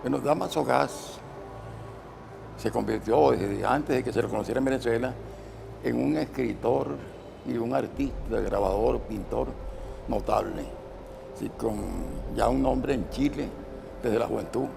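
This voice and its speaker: Very gravelly-voiced man, documentary interview. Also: medium pitch, unhurried. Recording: interview with music under it. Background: music.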